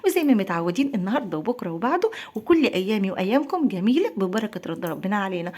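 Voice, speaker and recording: A woman's voice: mid-range voice, very animated, rapid-fire, a little mellow. A young woman with an Egyptian accent, talking earnestly to her viewers about prayer and blessings. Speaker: lifestyle vlogger. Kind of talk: heartfelt religious talk to viewers.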